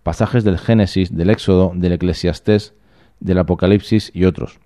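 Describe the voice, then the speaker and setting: A man reading the flat, blunt lines of young twin boys in a storybook reading. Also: low-pitched, moderate pace, natural voice. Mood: deadpan.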